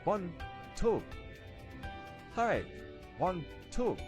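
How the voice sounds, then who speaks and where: High-pitched man calling martial arts drill commands. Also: sing-song, very slow, music in the background. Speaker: taekwondo instructor. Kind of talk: instructional drill counting and commands.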